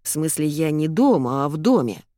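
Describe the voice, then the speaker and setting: A woman's voice: sits low, big pitch swings, normal speed, dark tone, no room sound, studio quality. A woman reading a mumbling, helpless police colonel. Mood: dazed. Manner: mumbling, childlike whine. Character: bewildered middle-aged male police colonel, helpless.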